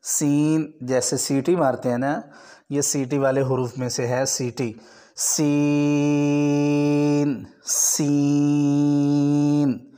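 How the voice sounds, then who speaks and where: Male Quran tutor from Pakistan, monotone delivery, drawn-out letter sounds, brisk explanations. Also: mid-range voice. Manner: stretches out each letter sound slowly as a model, then explains at a brisk pace. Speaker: Quran reading teacher. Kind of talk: online lesson for beginners.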